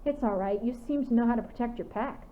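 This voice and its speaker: Brief: gentle kind young wolf-boy, read by a woman, tinny lo-fi audio. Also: fairly high pitch, fast, slight background noise, lightly acted. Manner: gentle, amazed.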